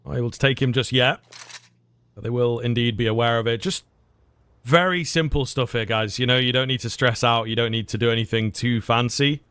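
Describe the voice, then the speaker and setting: Clear-voiced male esports caster. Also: mid-range voice, fairly quick, fairly bright tone, no room sound. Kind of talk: live esports analysis and commentary.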